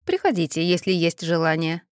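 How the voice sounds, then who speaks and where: A woman voicing a calm, composed older male magister who speaks with dry, polite irony in an audiobook. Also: lowish voice, a little fast, dry recording. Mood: dryly ironic. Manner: unruffled, dryly ironic.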